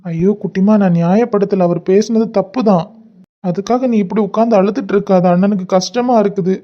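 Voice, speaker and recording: A soft-spoken young man in a cartoon, voiced by a performer coaxes and pleads in a mid-pitched voice with a Kanyakumari Tamil accent. The audio is a little dull and lo-fi. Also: fairly even intonation, brisk, close to an everyday voice. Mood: soothing. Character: gentle young man, apologetic husband and caring brother. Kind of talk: cartoon voice acting.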